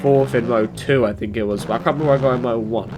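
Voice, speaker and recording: Loud motorbike engines from the game rumble beneath this British YouTuber as he casually narrates his gameplay in rapid-fire speech. Hay fever leaves his ordinary-pitched male voice blocked and stuffy, and he rambles constantly, full of fillers and corrections.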